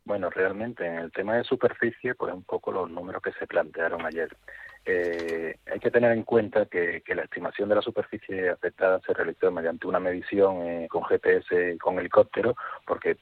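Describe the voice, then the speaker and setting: Deep-voiced man on a phone line. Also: fairly even intonation, brisk. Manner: hesitant, restarts often, technical explanations. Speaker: fire service deputy director, interview guest. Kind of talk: phone interview on radio. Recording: dry tinny phone line.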